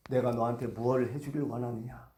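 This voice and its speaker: A man voicing Jesus as a calm, gentle grown man, speaking slowly and softly in a sermon. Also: mid-range voice, echoey room, pitched below the performer's own voice, lightly acted.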